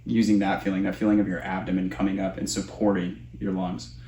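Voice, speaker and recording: A man's voice: low voice, little pitch movement, brisk, dark tone, slight background noise. A man giving a casual, explanatory tutorial as a vocal coach. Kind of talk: instructional tutorial with vocal demonstrations. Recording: roomy echo.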